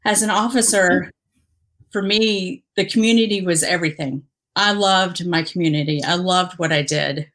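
A woman with a somewhat low voice talks in a candid interview. She is earnest and reflective, and she pauses often with fillers and restarts her sentences. She grew up in the Dominican Republic. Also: fairly bright tone. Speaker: interview guest, injured former police officer.

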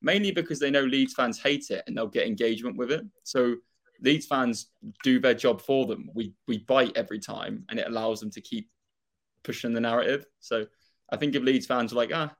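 A man's voice: medium pitch, brisk, vocal fry. A young man with a Norfolk accent chatting casually and opinionatedly about football as a fan, in a rambling way. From Norfolk, England.

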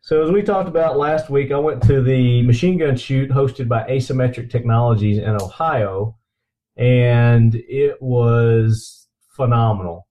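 A man hosting a podcast in enthusiastic casual chat, recorded through a computer's built-in microphone. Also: medium pitch. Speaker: podcast host. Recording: dull lo-fi computer microphone pickup.

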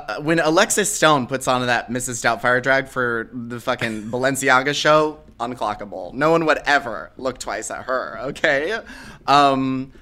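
Casting: male co-host, sassy and camp, bright forward voice, emphatic slangy delivery for casual film chat. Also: mid-range voice.

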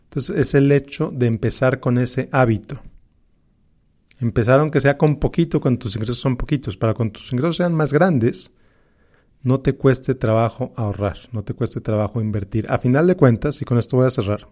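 Male financial presenter, Mexican accent. Soft-edged, relaxed tone, mid pitch, emphatic advisory delivery with repeated key phrases. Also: normal speed. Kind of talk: motivational personal finance talk.

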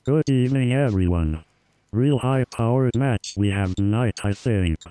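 A man's voice: mid-range voice, unhurried, warm tone, natural voice, poor audio. A man voicing a robot scorekeeper on a radio quiz show. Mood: dry excitement.

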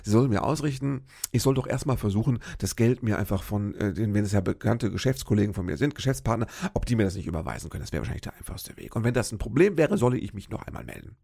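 A man's voice: lowish voice, expressive, fast, creaky, few pauses, mellow, slightly rough. A male comedian telling a rambling, self-mocking story in a casual chatty monologue.

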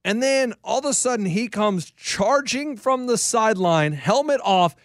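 A man's voice: sits high, expressive, unhurried, no room sound, studio quality. A man co-hosting a casual sports chat show, retelling games and fights in an emphatic play-by-play way. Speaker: podcast co-host.

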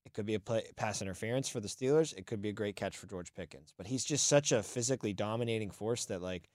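A man co-hosting a casual sports talk show, giving animated, opinionated takes and thinking aloud. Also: on the low side, quick pace, dry recording, studio quality. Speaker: sports podcast co-host.

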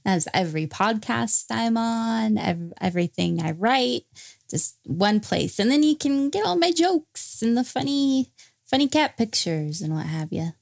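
A woman's voice: fairly high pitch, expressive, unhurried, gravelly, darkish tone. A woman talking casually as a guest on a podcast. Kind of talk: casual chat.

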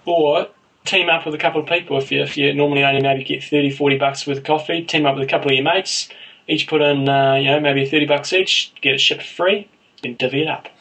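Male co-host, Kiwi accent, gravelly creak, casual sports chat, a little off the mic. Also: a little high, fairly even intonation, quick pace, bright, forceful tone, recorded from a distance, low-quality recording. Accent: New Zealand. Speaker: podcast co-host.

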